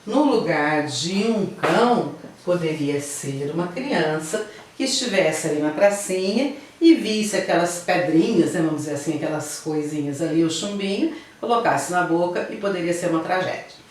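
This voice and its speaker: A woman teacher with a Brazilian Portuguese accent gives a grammar lesson, patiently explaining step by step and checking in with her students. Her voice is lowish, animated and darkish in tone, at a normal speed. She's recorded from a distance in a very echoey room.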